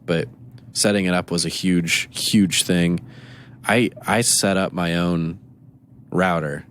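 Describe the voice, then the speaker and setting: A man co-hosting a podcast chats casually in a low-sitting voice at a slow pace, with a little hiss or hum in the audio. He tells rambling, animated stories full of quoted back-and-forth exchanges.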